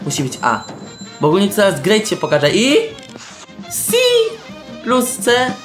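An excitable young man commentating a video game in a loose, lively way, his pitch leaping around as he yells and laughs. He sounds like he is in a roomy, echoing space, with faint game music behind him. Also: a little slow. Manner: excitable, shouting and laughing, mixes in English slang. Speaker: gameplay commentator. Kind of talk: casual let's-play commentary.

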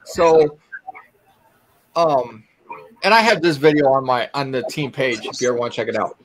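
A man's voice: medium pitch, normal speed. A man on a video call telling rambling stories about his paranormal investigations, with frequent restarts. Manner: rambling, restarts, retells eerie encounters. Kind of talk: casual storytelling on a video call.

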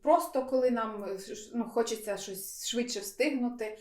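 A woman's voice: a little high, normal speed, a little mellow, roomy sound, far from the mic. A woman co-hosting a language lesson in a playful, joking way, with hesitant fillers. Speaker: language teacher co-host.

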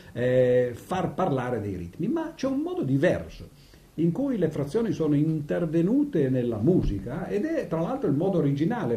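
An older man gives a lively public lecture on math and music, tagging his sentences with a questioning "no?" and dropping ironic asides. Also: mid-range voice. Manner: animated, constantly tags sentences with "no?", ironic asides. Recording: roomy echoing hall.

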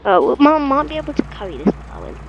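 A woman casually commenting on her own gameplay, muttering to herself in halting bits. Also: high-pitched, very animated, lo-fi sound, background noise.

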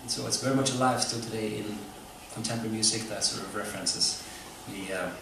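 With a voice on the low side, a musician delivers a halting, explanatory, informal lecture to a seated audience indoors in a club room. The sound is distant, echoey and noisy, recorded from afar off a stage mic through speakers.

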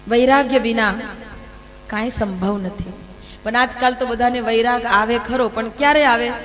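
A woman telling devotional scripture stories as a sermon, lively, with rhetorical questions and acted quotes. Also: a little high, moderate pace, big-room sound, faint music behind, poor audio. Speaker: religious storyteller. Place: large hall at a temple event.

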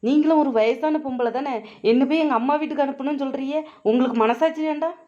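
A woman doing a quick, sharp-tongued young daughter-in-law. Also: sits high, muffled recording, lightly acted. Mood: defiant. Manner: retorting, mocking, fast talking. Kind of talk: cartoon voice acting.

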